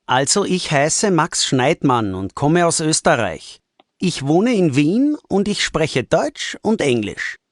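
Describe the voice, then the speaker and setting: Male coursebook voice, animated but unhurried, slightly high, dry. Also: no echo. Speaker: textbook audio speaker. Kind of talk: scripted textbook listening exercise.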